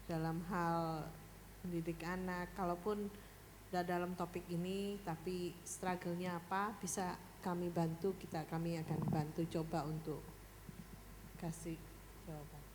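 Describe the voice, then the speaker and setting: A woman with a somewhat low voice gently invites the audience to ask questions, drawing out her words. She sounds distant in a hall with long reverb, and clear noise sits behind her. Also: flat delivery, measured pace. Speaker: meeting moderator. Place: school meeting hall.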